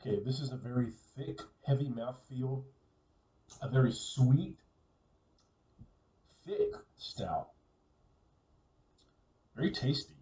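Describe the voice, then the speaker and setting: A man casually reviewing a beer on his own, relaxed and musing, often repeating words as he thinks aloud. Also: medium pitch, slow, pauses often, far from the mic, rough recording.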